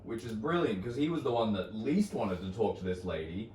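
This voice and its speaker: A man with an Australian accent, a guest telling stories in an animated way during a casual comedy chat. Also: on the low side, fairly quick, recorded from a distance. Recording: roomy, off-mic, faint noise.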